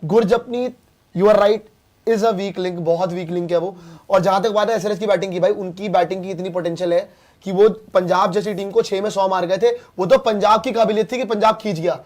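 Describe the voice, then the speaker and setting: A man's voice: high-pitched, fairly even intonation, normal speed, darkish tone. A man giving opinionated cricket analysis, dropping English phrases into casual chat. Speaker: cricket panelist.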